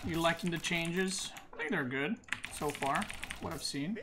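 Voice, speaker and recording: A man streamer thinking aloud in casual gaming commentary, relaxed and full of "like". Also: fairly high pitch, unhurried. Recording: noisy stream mic.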